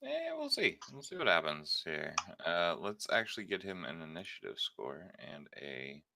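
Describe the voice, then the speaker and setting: A man's voice: deep voice, wildly swooping pitch, moderate pace, gravelly, noisy background. A man acting as game master, narrating and running a tabletop game.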